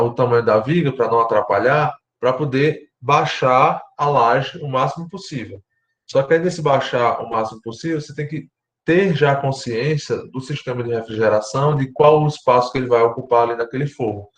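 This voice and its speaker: A Brazilian man lecturing architecture students online, explaining step by step and often checking in with his class, his voice going hoarse. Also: medium pitch, reverberant. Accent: Brazilian Portuguese. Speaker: university lecturer.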